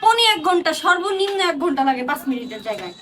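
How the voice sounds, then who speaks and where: A woman playing a wife in a domestic argument, scolding and complaining in quick bursts. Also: very high voice, very animated, a bit bright, distant mic, a little hiss or hum. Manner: scolding, complaining rapid-fire. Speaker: wife in a couple skit.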